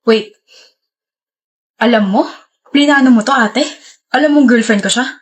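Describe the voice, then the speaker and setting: A woman's voice: on the high side, measured pace, close to an everyday voice. A woman playing a cocky, bratty younger brother in a comedic skit, teasing his older sister. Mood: caught out.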